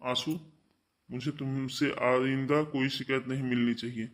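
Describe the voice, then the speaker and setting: A man's voice: mid-range voice, little pitch movement, normal speed, lightly acted. Man voicing a young cartoon husband, stern, lecturing, devoted son, mid-range voice. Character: young married son scolding his wife. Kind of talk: cartoon voice acting.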